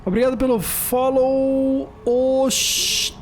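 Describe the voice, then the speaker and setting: A man's voice: very high-pitched, little pitch movement, slow pace, slight background noise. A man chatting casually while streaming a video game at home, telling stories with slang and frequent laughter. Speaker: gaming streamer. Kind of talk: casual let's-play commentary.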